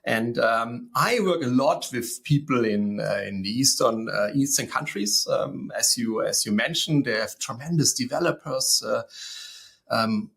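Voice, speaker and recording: A man's voice: mid-range voice, measured pace, vocal fry, fairly bright tone. A man from East Germany hosting an interview, chatting casually and hesitantly with many fillers and repeated words. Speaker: podcast host, interviewer.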